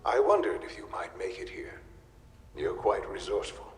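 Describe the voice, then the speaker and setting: An actor playing a calm, formal older leader of a secret institute. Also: male voice, lowish voice, normal speed. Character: calm elderly male leader of a secret lab. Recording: echoey reverberant room.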